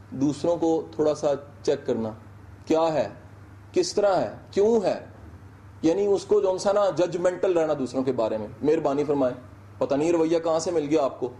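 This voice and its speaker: A man's voice: a little high, mellow. A man giving a conversational motivational lecture, acting out little dialogues to make his points. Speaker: motivational speaker.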